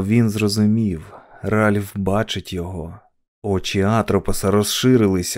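A man narrating an audiobook dramatically, dropping to a hush in tense passages. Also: medium pitch.

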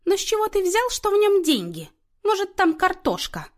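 A woman reading an audiobook, voicing a bossy, nosy mother who talks loudly and scolds. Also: very high voice, wildly swooping pitch, moderate pace, voice pushed up, exaggerated voice. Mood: indignant. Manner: loud, indignant, scolding. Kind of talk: audiobook character voice.

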